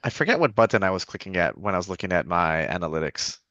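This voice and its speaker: A man with a bright, forceful, somewhat low voice chats casually as co-host. He sounds curious and keeps asking questions, recorded dry and close. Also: expressive, fast, dry recording, lo-fi sound. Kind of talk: casual chat.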